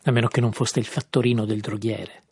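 A man reads out a blustering husband, sarcastic and moralizing. The voice is gravelly and husky, raised in indignation. It sounds close and dry. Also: fairly low pitch, fairly even intonation, fairly quick, a little mellow, no echo, heavily acted. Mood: indignant. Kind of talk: audiobook reading.

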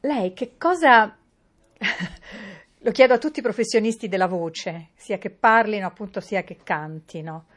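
A woman's voice: medium pitch, measured pace. A woman interviewing an old actor, politely laying out her questions at length.

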